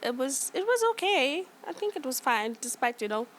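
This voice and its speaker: A woman's voice: high-pitched, sing-song, moderate pace, slight background noise. A woman in her thirties talking as a guest in a casual chat, giving short, dry replies and laughing often. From South Africa. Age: 30s.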